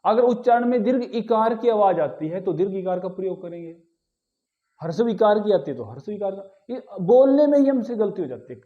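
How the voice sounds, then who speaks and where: A man's voice: high-pitched, lively intonation, brisk. Patient man teaching grammar, dull recording. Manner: patient, repeats key words and asks rhetorical questions. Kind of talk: explanatory lesson.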